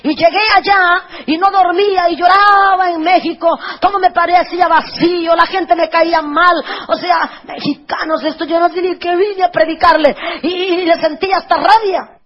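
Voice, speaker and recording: A woman's voice: extremely high pitch, fairly even intonation, moderate pace. A woman preacher giving an emotional testimony sermon, telling her story with passionate outbursts. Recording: dull lo-fi recording.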